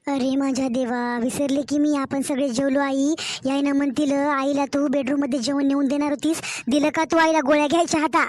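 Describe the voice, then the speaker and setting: A woman's voice: high voice, little pitch movement, close to an everyday voice. A woman voicing a scheming, sweet-talking young married daughter in a cartoon story, chatty and coaxing. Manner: chatty, coaxing, drawn-out village-style talk.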